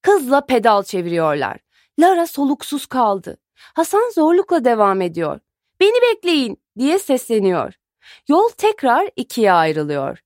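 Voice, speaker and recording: A woman narrating a children's story aloud in an expressive, sing-song way. Her voice sits high and rises and falls with great liveliness. The recording is dry and close-miked, with no room sound. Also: a little slow, no room sound.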